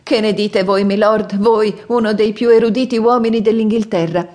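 A woman voicing an excited, tender young princess in an audiobook, calling out in high, ringing exclamations. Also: moderate pace, close to an everyday voice. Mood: eager. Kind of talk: audiobook character voice.

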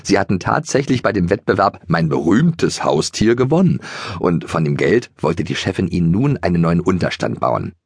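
A man narrating a children's audiobook in an animated, expressive storytelling manner. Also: low voice, normal speed, gravelly, slightly rough, no room sound, clean studio sound.

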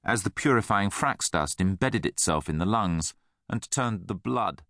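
A man narrating a children's fantasy audiobook in an expressive, animated storytelling manner. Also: fairly low pitch, unhurried, no room sound, studio quality.

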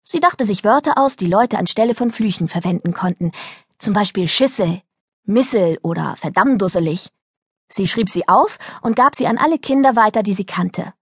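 A woman narrating a children's book in a lively storytelling manner, recorded close to a studio mic. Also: mid-range voice, moderate pace, husky, no room sound. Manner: lively storytelling, voicing characters. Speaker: audiobook narrator.

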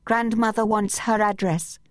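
A woman's voice: medium pitch, steady tone, a little slow, dry recording, studio quality, pitched above the performer's own voice, natural voice. A woman reading an audiobook voices a proud teenage girl who speaks sulkily and curtly. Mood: sulky. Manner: sulky, curt.

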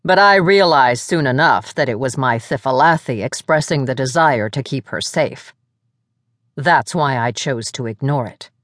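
A woman's voice: extremely low pitch, lively intonation, normal speed, a bit bright, no room sound, clean studio sound, pitched below the performer's own voice. A woman narrator voicing a reserved, protective demon man narrating reflectively.

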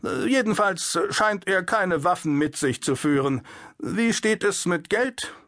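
A man's voice: high-pitched, animated, a little slow, fairly bright tone, no echo, studio quality, pitched above the performer's own voice. A man voicing a domineering, suspicious Prussian sentry who barks orders and talks down to people. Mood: commanding. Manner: domineering, condescending, barking orders. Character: overbearing male Prussian sentry, adult, suspicious.

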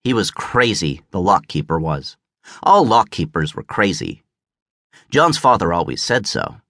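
A man narrating an audiobook as scripted narration, measured and even, on a close studio mic. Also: low voice, dry recording.

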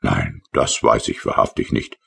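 A man's voice: a little slow, sharp tone. A man voicing a grumpy, weary male painter in a children's audiobook, sulky and complaining. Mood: grumbling.

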